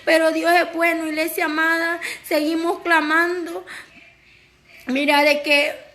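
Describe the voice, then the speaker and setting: A woman's voice: very high-pitched, level tone, a little slow, bright, forceful tone. A woman pastor's wife giving a fervent, tearful testimony to her church congregation.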